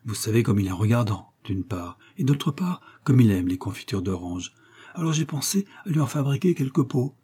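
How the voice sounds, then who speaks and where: A man voicing a kindly, flustered female housemaid in a read-aloud story, his voice pushed higher as she confides in quick, breathless chatter. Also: expressive, dark tone, breathy edge. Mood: flustered confiding.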